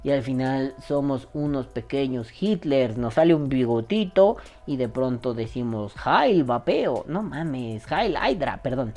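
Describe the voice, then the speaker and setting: A man's voice: mid-range voice, lively intonation, unhurried, hardly any pauses, dark tone, faint music behind. A man with a Mexican accent hosting a podcast, with crude, joking, slang-filled banter and a voice kept down. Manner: keeping his voice down. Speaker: podcast host. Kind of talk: casual podcast chat.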